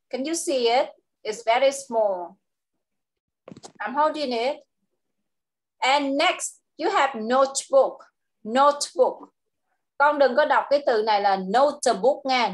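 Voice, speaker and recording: Vietnamese-accented woman teacher, high voice, drills english words reeeal slow with a kid. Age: adult. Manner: slow, patient drilling of words, switching to quick speech when explaining. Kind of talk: one-on-one online English lesson with a child.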